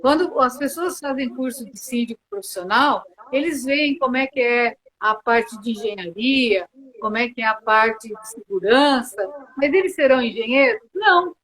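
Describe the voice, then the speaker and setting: A woman's voice: a little high, lively intonation, moderate pace, a bit bright, low-quality recording. A Brazilian woman mediator answering interview questions earnestly, often restarting with hesitant fillers, on a video call. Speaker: mediator and guest.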